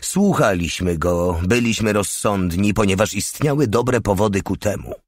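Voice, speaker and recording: A man's voice: on the low side, expressive, normal speed, no room sound, studio quality. A man voicing a small, scarred male desert legionnaire in an audiobook, fierce and scornful as he rallies his comrades. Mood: urging.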